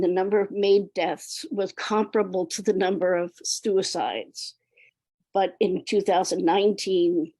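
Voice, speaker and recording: A woman giving a prepared public talk in a weak voice, affected by a cold, hesitant and often pausing. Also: mid-range voice, a little mellow, dry recording. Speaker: panel speaker.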